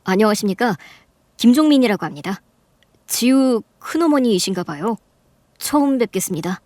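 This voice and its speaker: A polite young groom-to-be doctor. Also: male voice, high voice, moderate pace, no room sound. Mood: composed. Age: young adult. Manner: calm, formal and polite, quietly offended.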